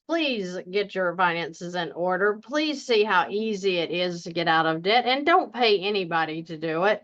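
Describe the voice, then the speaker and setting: Female finance coach, deep Southern accent, mid-pitched, folksy and earnest direct-to-viewer talk, slightly muffled lo-fi recording. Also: a bit bright. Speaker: personal finance coach and video host.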